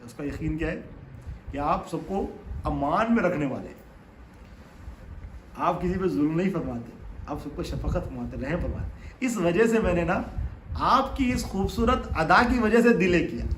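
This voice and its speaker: A man's voice: a little high, lively intonation, pauses often, echoey room, slight background noise, rough recording. A man giving a religious sermon, telling stories and asking rhetorical questions, rising to emphatic peaks. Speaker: preacher.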